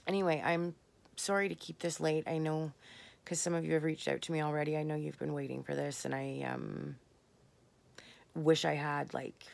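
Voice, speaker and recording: A woman talking candidly in a late-night personal vlog, tired and slurring her words, rambling with soft pauses. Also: low voice, fairly even intonation, gravelly. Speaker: vlogger.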